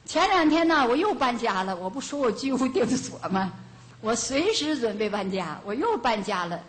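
An older woman teaching Buddhism to a hall audience in a lively storytelling way. Her voice sits a little high, and she often breaks into small chuckles as she goes. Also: normal speed. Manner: lively, homespun anecdotes with chuckles. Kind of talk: storytelling dharma talk. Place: lecture hall of a Buddhist centre.

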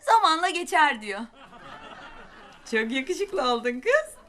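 A woman's voice: sits high, very animated, takes it slowly, a bit bright, full character voice. An actress playing a scheming, cheeky younger sister in a sitcom, teasing and mock-dramatic in her delivery. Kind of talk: sitcom acting.

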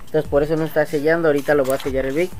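A motovlog host in his thirties, speaking with a Mexican Spanish accent, chats casually in an outdoor workshop yard and talks straight to his viewers in a slangy way. His voice is a little high and darkish, with a level tone and a rapid-fire delivery, and soft music plays in the background.

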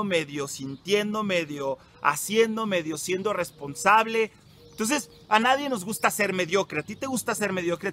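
A man's voice: high-pitched, bright, forceful tone. A young Mexican man, a psychologist, giving an emphatic motivational talk to teenagers and putting direct questions to them. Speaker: psychologist and workshop leader.

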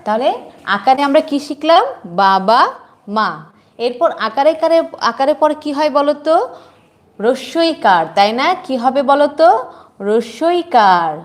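A woman teacher giving a dictation lesson to young children, spelling words out slowly and often quizzing the class. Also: high voice, expressive. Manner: slow, drawn-out spelling with frequent questions to the class. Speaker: nursery teacher.

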